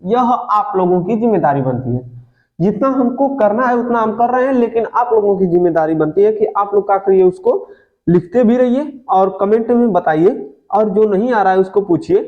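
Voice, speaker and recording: A man's voice: high-pitched, expressive, normal speed. A man teaching a grammar lesson for exam students, asking questions and answering them himself, and stretching vowels to demonstrate them. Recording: dull lo-fi audio in an echoey room.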